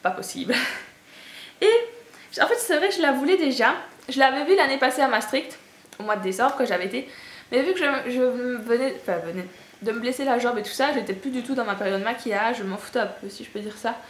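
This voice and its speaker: A woman's voice: fairly high pitch, fairly quick. A young woman with a Belgian French accent, chatting in a casual haul video, gushing and self-mocking with lots of fillers. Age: young adult. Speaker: beauty vlogger. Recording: echoey room with faint ambient noise.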